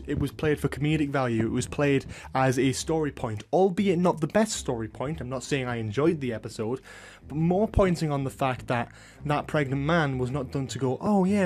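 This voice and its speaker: A man calmly explaining his point in a casual, measured way. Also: mid-range voice. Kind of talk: casual argument in a clip.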